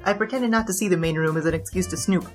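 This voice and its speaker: Over a music bed, a woman with a fairly low, natural voice talks fast as a brash, chatty, flirtatious female bandit king confessing her crimes in a comedic noir audio drama. She's glib, digressive and argumentative, keeping the storytelling brisk.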